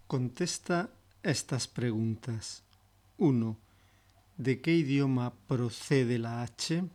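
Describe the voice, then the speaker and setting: A man giving a scripted, educational narration, speaking in a measured, deliberate way. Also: medium pitch, darkish tone. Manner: slow, measured, deliberate delivery. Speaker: language teacher.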